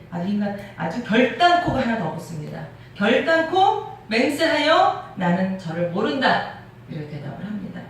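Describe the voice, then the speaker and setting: A middle-aged woman from Seoul preaches to her congregation in a crisp, clear-cut way, often throwing questions back at them. Her voice rings through a very echoey sanctuary and sounds a little distant from the mic, with a faint hiss underneath. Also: medium pitch, darkish tone. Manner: crisp, clear-cut delivery with rhetorical questions and occasional laughs. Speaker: pastor. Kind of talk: sermon. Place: church sanctuary.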